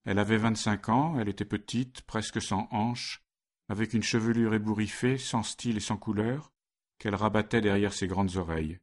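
A male narrator with a very deep voice reads a story. His delivery is measured and steady. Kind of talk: scripted narration.

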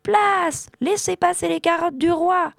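A woman voicing an eager, kind-hearted young kitchen boy who exclaims excitedly, in a children's storybook reading. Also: high voice, unhurried, dry recording, clean studio sound, pitched above the performer's own voice.

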